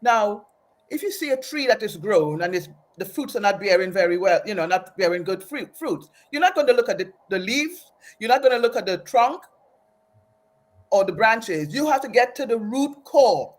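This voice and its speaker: Speaking at normal speed with a medium pitch and lively intonation, an Aruban-born woman raised in Trinidad describes her life as an interview guest. She is earnest and reflective, frequently restarting her phrases.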